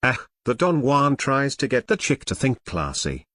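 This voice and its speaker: Wry man narrating with lively pitch. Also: normal speed, no echo. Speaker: audiobook narrator. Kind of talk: scripted narration.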